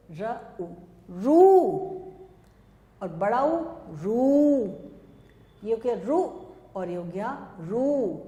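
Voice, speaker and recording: A primary school Hindi teacher with a high-leaning voice teaches young children Hindi letters and vowel signs in a recorded lesson. She's slow and patient, stretching out each sound and saying example words louder than the rest, in an echoey room with long reverb.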